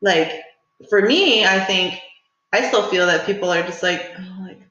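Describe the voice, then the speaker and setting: A woman's voice: mid-range voice, a little slow, a bit bright. A young woman co-hosting a podcast in casual chat, blunt and swearing freely, with frequent laughs. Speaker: podcast co-host, Muay Thai athlete. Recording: very echoey, dull lo-fi room sound.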